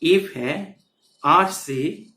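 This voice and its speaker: A man's voice: a little high, drawn-out words, pushed and bright. A man teaching maths for an exam, who keeps checking in with his students and repeats his phrases as he explains. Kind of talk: exam-prep lecture. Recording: roomy, echoey sound.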